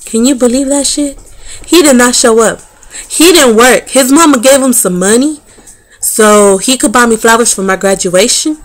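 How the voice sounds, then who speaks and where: This vlogger, a woman in her thirties, has a fairly high voice and keeps a normal speed as she narrates a story to camera. Expect profanity, animated energy, sassy brush-offs and plenty of laughter.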